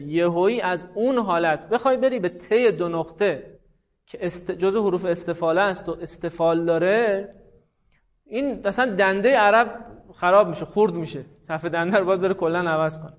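Male teacher, high voice, animated, encouraging, dull lo-fi recording. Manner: animated, praises students, repeats examples slowly. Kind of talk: classroom lesson on Arabic morphology.

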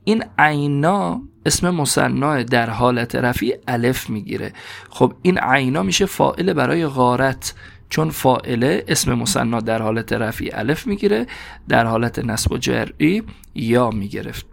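A man teaching a slow, deliberate grammar lesson, parsing a classical text word by word. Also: mid-range voice, animated, vocal fry. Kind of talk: seminary-style grammar lesson.

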